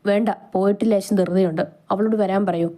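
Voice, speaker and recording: A woman's voice: mid-range voice, steady tone, fairly quick, dark tone, lightly acted. A woman voicing a curt, irritable young male lecturer in a storybook reading. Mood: irritated. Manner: curt, scolding.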